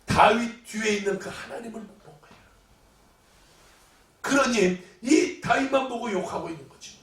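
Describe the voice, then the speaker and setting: A middle-aged man preaching a sermon as pastor, telling stories dramatically and acting out shouting crowds and a taunting giant. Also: high-pitched, normal speed. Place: church sanctuary. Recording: echoey church hall, mic at a distance.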